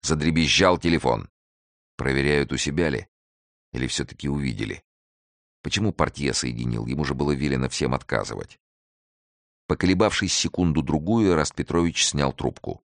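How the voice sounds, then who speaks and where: A man narrating a detective audiobook in a measured, even storytelling manner. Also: rumbling low, creaky, no room sound.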